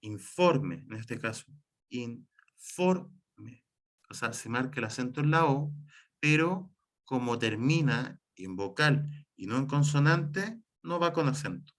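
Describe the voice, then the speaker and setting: A man teaching a class, explaining each rule slowly with example words and frequent fillers. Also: mid-range voice, expressive, a bit bright. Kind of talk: classroom lecture on writing and spelling.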